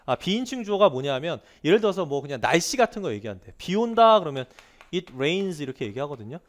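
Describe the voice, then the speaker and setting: In a fast, lively grammar lecture, a man speaks with a slightly high voice that swings widely in pitch. He is animated, repeatedly asking his students rhetorical questions and repeating key words to drive them home.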